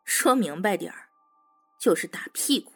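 A woman's voice: on the high side, very animated, a little slow. A woman voicing a teasing, smug female prison warden and interrogator in an audio drama, with faint music behind. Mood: menacing.

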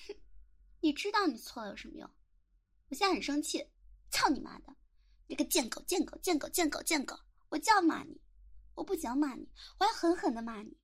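A high-voiced, possessive teenage schoolgirl, acted by a young woman in an audio role-play drama. She is jealous and domineering. She sneers and taunts, and she rattles off insults at anyone who crosses her. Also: sing-song, brisk, long pauses. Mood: furious, abusive. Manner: sneering, taunting, bursts into relentless shouted insults. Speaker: voice actor.

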